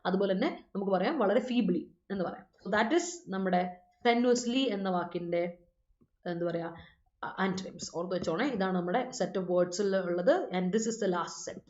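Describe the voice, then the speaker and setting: A woman's voice: mid-range voice, measured pace, darkish tone. Woman, vocabulary teacher, mixes two languages and corrects students' sentences aloud. Echoey room, muffled sound. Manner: mixes Malayalam and English, reads students' comments aloud and corrects them; repeats reminders to remember. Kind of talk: live online class explaining English words. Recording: roomy, dull-sounding room recording.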